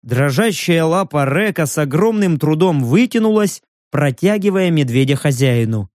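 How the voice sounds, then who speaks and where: A man's voice: on the high side, expressive, moderate pace, a little mellow, no echo. A man reading a first-person story aloud in a dry, wry manner. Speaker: audiobook narrator. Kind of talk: scripted story narration.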